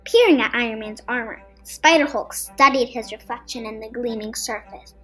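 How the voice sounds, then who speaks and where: A woman whose voice sits on the high side, pushed and bright, narrates a scripted superhero story for kids at a moderate pace. She reads for a podcast, with background music playing.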